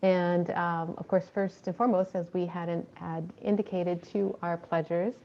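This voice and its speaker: Woman giving a fundraising report on a video call, lowish voice, muffled audio, lots of ums. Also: normal speed. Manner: steady, with frequent ums and uhs. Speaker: fundraising coordinator. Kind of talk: presenting a report at a committee meeting.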